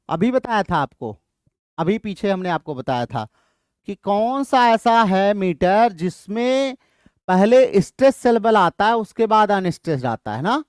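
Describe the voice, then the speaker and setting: A man's voice: high-pitched, a little mellow, no echo, clean studio sound. A man with an Indian English accent teaching an exam-prep lesson. He repeats his points often and asks questions that he answers himself.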